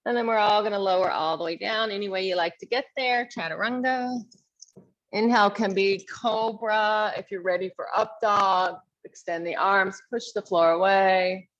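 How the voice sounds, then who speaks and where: A woman leading a yoga class, calmly and encouragingly cueing each pose and stretch. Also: medium pitch, normal speed, lo-fi sound, slight background noise. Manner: calm, encouraging cueing of poses. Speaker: yoga instructor. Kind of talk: guided yoga class instruction.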